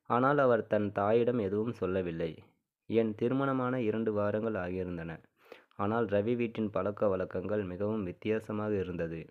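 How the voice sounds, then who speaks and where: A man narrating a first-person short story in a steady, even reading style. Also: fairly low pitch. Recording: tinny phone-like sound.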